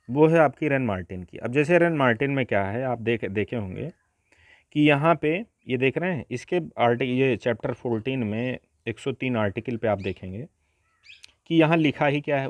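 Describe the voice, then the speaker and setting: A man's voice: medium pitch, no echo. A man teaching an exam-prep grammar lesson, explaining step by step and often asking rhetorical questions.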